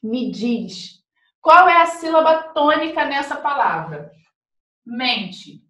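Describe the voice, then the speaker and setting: A woman's voice: sits high, very animated, slow, bright, forceful tone. A woman with a Brazilian Portuguese accent, teaching a grammar lesson and asking rhetorical questions as she explains. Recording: echoey room, from a distance.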